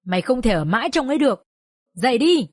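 A woman's voice: a little high, sing-song, quick pace, no room sound. A woman voicing an older village mother who pleads and laments. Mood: pleading.

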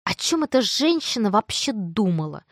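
Woman playing a haughty old grandmother, creaky, imperious, self-absorbed, dry close read. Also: medium pitch, sing-song, moderate pace, no echo. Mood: haughty indignant.

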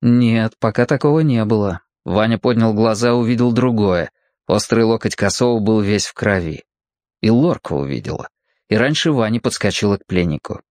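A man narrating a children's story aloud with an expressive, vivid reading. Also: fairly low pitch, normal speed, no room sound. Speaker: audiobook narrator.

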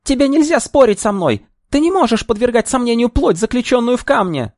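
A male narrator voicing a frenzied young maiden who shouts in a shrill, rasping screech that breaks into squeals. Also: animated, a little fast, dry recording, studio quality. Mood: furious. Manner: hysterical shouting. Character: shrieking frenzied maiden in darkness, young woman. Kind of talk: audiobook character voice.

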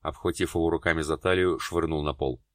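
A man narrating an audiobook in a steady, even reading. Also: extremely low pitch, fairly quick, no echo, studio quality. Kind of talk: scripted narration.

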